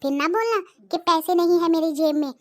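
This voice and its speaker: Someone voicing Chandrakala, a shrill nagging cartoon wife. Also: fairly quick. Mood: scolding. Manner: sharp-tongued, nagging, threatening. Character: bossy scolding middle-aged cartoon wife. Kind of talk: cartoon voice acting.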